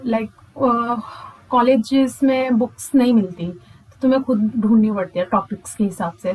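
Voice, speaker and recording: A young woman with a slightly high voice tells a personal story in a chatty, unscripted way. She drops English phrases into her sentences, pauses often, and acts out the scene as she goes. It sounds like casual close-mic storytime talk. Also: a little mellow, low-quality recording. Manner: chatty, mixing English into Hindi, acting out gestures. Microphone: mic on the speaker.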